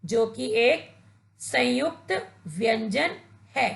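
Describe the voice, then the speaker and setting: Slow, gravelly-voiced woman teaching children. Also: fairly high pitch, expressive, roomy sound. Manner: patient, instructive, addresses children directly. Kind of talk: slow, deliberate Hindi grammar lesson for children.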